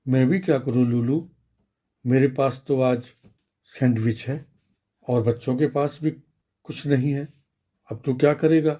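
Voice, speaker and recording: A kind, patient schoolteacher, voiced by a man reading a children's radio story, explaining things gently to a child. The voice stays mellow and soft-edged. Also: mid-range voice, a little slow, long pauses, close to an everyday voice. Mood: teasing.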